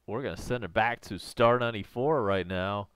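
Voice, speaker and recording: A man doing live play-by-play of a soccer match, going a little hoarse. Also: fairly low pitch, moderate pace, a bit bright, no room sound. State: losing his voice. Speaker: live reaction host. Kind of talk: live game commentary.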